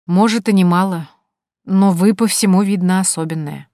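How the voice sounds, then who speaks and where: A woman reading the part of an attentive, courteous male businessman who talks calmly and gently flatters. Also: fairly low pitch, moderate pace, dry recording, clean studio sound, close to an everyday voice.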